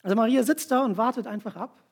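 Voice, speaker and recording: In a sermon featuring a volunteer demonstration, a man's husky, fairly high voice carries a slow, stepwise retelling of a scripture passage. Volunteers stand up to perform it, and he checks in with his audience through frequent short tag questions.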